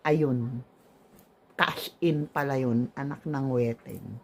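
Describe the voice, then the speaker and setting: A woman vlogger telling a story in a casual, animated and indignant way, with exclamations. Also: rumbling low, slow.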